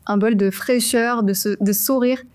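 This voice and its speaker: Woman host asking halting questions. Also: fairly high pitch, steady tone, darkish tone. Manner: halting questions with fillers, frequent brief agreement. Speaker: interview host. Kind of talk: casual interview chat.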